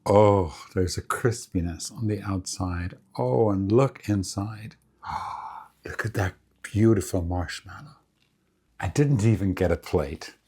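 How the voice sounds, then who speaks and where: A man with a deep, husky voice talks through a recipe in his home kitchen. He sounds relaxed and chatty, a cooking host who savors each bite out loud as he tastes. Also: slow. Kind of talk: casual cooking demonstration.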